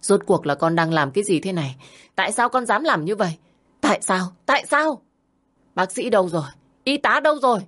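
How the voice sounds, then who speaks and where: A woman voicing a frantic, furious young father who shouts at his son in a storybook reading. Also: mid-range voice, animated, a little fast, voice pushed up. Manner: shouting angrily.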